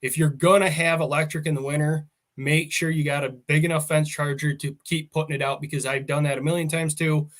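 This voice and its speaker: A man's voice: a little high, little pitch movement, brisk, few pauses, a bit bright. Casual rambling farmer man. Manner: rambling, storytelling, laughs often. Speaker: farmer guest. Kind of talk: casual chat.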